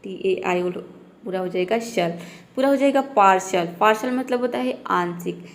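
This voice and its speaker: A woman's voice: medium pitch, moderate pace, slight background noise. A woman teaching an English pronunciation lesson in Hindi, spelling words letter by letter and asking questions she answers herself. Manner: patient, repeats rules and asks questions she then answers.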